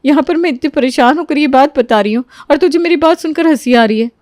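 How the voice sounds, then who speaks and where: A woman's voice: high voice, fast, darkish tone, no echo, clean studio sound, close to an everyday voice. Woman voicing a touchy, spiteful aunt. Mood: offended, angry. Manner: complaining, scolding. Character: aggrieved middle-aged aunt, touchy and vindictive. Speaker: Bua ji, the visiting aunt.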